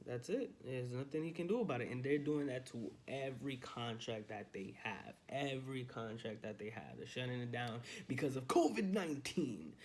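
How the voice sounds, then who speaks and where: This young man is a realtor recording a loose, upbeat morning vlog from his study at home, holding the phone camera himself. His voice sits at medium pitch with a darkish tone, and he chats casually with lots of fillers.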